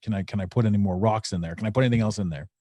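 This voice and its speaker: A man hosting a podcast, talking casually and telling an analogy story in an animated way. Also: fairly low pitch, rapid-fire, no echo, studio quality. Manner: tells stories with analogies, animated retelling. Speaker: podcast host.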